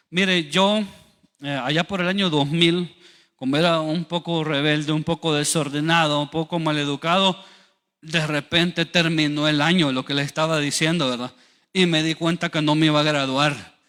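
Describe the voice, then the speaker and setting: Preacher in a reverberant church. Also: male voice, a little high. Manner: storytelling, animated, acts out quoted voices. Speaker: pastor. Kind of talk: sermon. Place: church hall.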